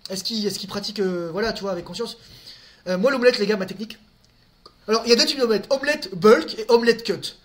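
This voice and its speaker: A man with a noticeably high voice, chatting casually with his audience. He answers viewers' questions directly, full of crude slang and stumbling restarts. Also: quick pace. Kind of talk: casual live chat.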